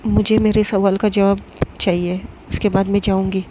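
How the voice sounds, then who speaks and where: Brief: woman reader as Mishka, soft-spoken earnest young woman, gently insistent, even tone, noisy take. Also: medium pitch, moderate pace, lightly acted. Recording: noisy recording with clicks.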